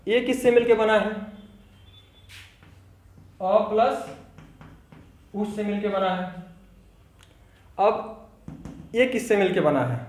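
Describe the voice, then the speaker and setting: A man teaching Hindi grammar in a classroom lecture, asking the class questions and answering them himself, repeating key terms slowly. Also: sits high, roomy sound.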